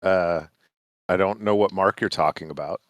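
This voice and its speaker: A man role-playing casually in a tabletop fantasy game, with a halting, mild-mannered way of talking. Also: low-pitched, no echo, lo-fi sound. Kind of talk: casual in-character role-play.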